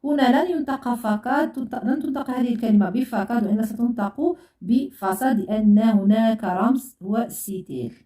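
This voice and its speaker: A woman teaches in a slow, patient way, repeating each sound and spelling it out for her pupils. Her voice sits a little high. She is heard from a distance in an echoey room. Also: dark tone. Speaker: French teacher. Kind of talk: classroom lesson. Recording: echoey room, voice far from mic.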